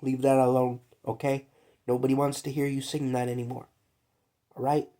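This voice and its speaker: A young male vlogger who is sick coughs now and then through a loose, rambling, slangy monologue packed with fillers. His medium-pitched voice is mellow, with little pitch movement and a moderate pace.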